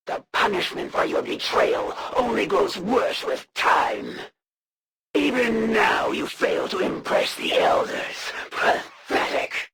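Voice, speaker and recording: An actor playing a proud, menacing alien assassin, a zealous game villain who speaks with haughty, formal deliberation in a gravelly voice. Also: medium pitch, bright, forceful tone, a little hiss or hum, full character voice. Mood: scornful. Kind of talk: theatrical video game villain voice lines.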